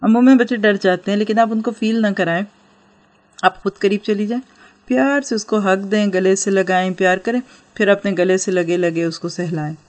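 With a steady, medium-pitched voice, a woman teaches about parenting and religious outreach, keeping her explanations gentle and putting rhetorical questions to those listening.

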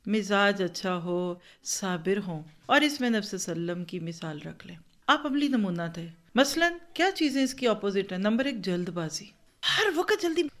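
A religious teacher with a mid-range voice gives an earnest, instructive lecture to a class of women. She repeats points so they can take notes and acts out different tones of voice as examples.

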